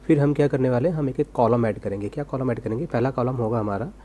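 A man's voice: medium pitch, fast talker, mellow, a little hiss or hum. A man giving a casual screen-recorded coding lesson, asking himself rhetorical questions as he types. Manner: casual, rhetorical self-questions, talks while typing. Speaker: programming tutor.

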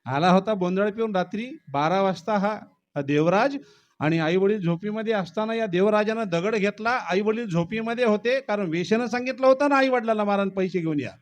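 A male preacher telling a devotional story in a dramatic way, swinging between low murmurs and loud cries and breaking into song. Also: a little fast. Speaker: kirtan preacher.

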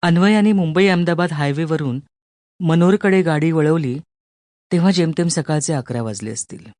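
A woman audiobook narrator reading a literary short story in a measured, storytelling manner, recorded close in a studio. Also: deep voice, darkish tone, no echo. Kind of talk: scripted narration.

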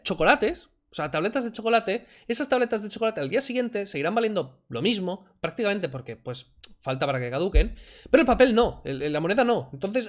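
A high-voiced man reacts to a video clip from his desk in a room at home, his commentary casual, sarcastic and mocking, delivered with plenty of animation. He's a reaction streamer using a desk mic and wearing headphones.

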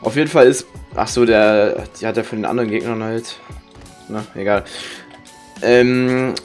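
A man's voice: lowish voice, moderate pace. Grumbling young man over music. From Germany. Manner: slangy, swearing, grumbling. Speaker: gaming streamer. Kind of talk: casual rambling gameplay commentary. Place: indoor room with webcam.

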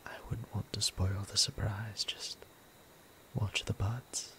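Here a man takes on the role of an ancient, courteous vampire priest for intimate ASMR, his hushed half-whisper formal and gentle. The lowish voice keeps a level tone at a slow pace, carrying a tender, softly awed mood.

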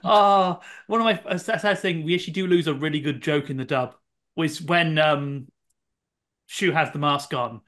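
A man's voice: on the high side, normal speed, fairly bright tone. A man from outside the United States co-hosting an anime rewatch show, wry and joking. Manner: wry, joking, laughs between lines. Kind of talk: casual reaction chat.

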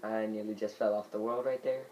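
A man's voice: fairly low pitch, fairly even intonation, fairly quick, darkish tone, lo-fi sound, a little hiss or hum. A man giving let's play commentary, muttering to himself while he plays. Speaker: gamer.

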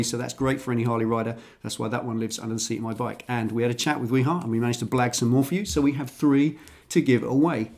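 Fast-talking man hosting a vlog. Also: mid-range voice, a little mellow. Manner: chatty and enthusiastic. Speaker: channel host. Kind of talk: casual garage vlog. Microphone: standalone microphone.

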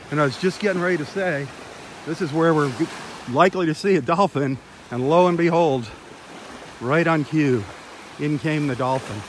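A man hosting a live beach walk stream outdoors, chatty and enthusiastic as he talks straight to his viewers through a handheld phone. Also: a little high. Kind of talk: casual live-stream narration. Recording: loud outdoor noise of surf and wind.

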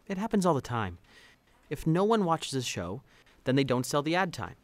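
A man's voice: a little high, sing-song, moderate pace, no room sound. A man voicing a skeptical, pragmatic 1960s ad executive puppet with a dry, dismissive manner. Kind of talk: comedic puppet parody dialogue.

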